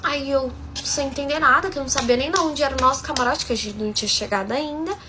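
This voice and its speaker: A woman's voice: high voice, quick pace, noisy background. A young Brazilian woman telling a personal story in a chatty, gossipy way and speaking straight to her viewers. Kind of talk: casual storytime monologue.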